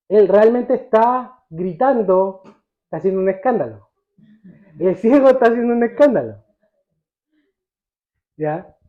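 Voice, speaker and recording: A man's voice: high voice, echoey room, lo-fi sound. A male pastor preaching a sermon, telling the story vividly and asking the congregation questions.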